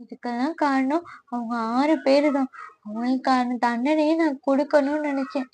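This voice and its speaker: A lonely young man, grieving his lost family and set on revenge, as a woman narrating a fan story gives him voice. He speaks in a high, light tone with a sorrowful, brooding manner. The delivery stays plain and storybook-like, soft and slow. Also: steady tone, slight background noise, close to an everyday voice.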